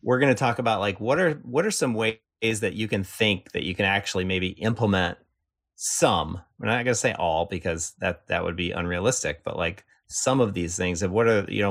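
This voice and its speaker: A man's voice: deep voice, a little fast, creaky, a bit bright. A man talking casually as a podcast guest, rambling with lots of fillers and restarts. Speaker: podcast guest, enrollment strategist. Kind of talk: casual conversational chat.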